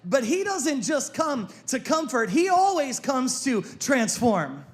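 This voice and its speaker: A man preaching a sermon as lead pastor, his voice sitting very high for a man. He repeats key phrases for emphasis and checks in with his listeners with quick questions. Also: big pitch swings. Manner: asks the congregation for responses.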